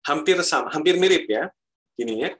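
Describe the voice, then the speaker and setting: A man's voice: a little high, animated, a little fast, a bit bright. Indonesian-accented male lecturer. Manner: mixes Indonesian and English, repeats words to model them. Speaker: university lecturer. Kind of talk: pronunciation lesson.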